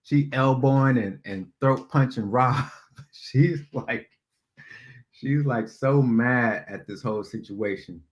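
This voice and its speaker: A man's voice: medium pitch, slow pace, lo-fi sound. A man vlogger telling a story casually, laughing often and using slang.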